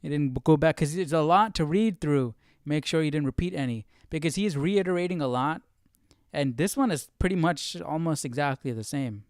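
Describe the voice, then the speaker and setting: Animated and brisk, with a voice on the high side, a Bible study livestream host casually explains passages during a live session, often tacking on short tag questions to check that listeners agree. The recording is dry and studio quality.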